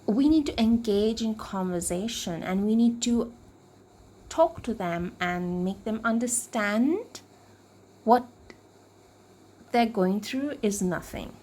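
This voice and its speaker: A woman talking to camera about mental health in a reflective, unscripted way, often searching for words and restarting, her voice cracking and her throat needing clearing. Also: on the high side, animated, slow pace, long pauses, a little mellow.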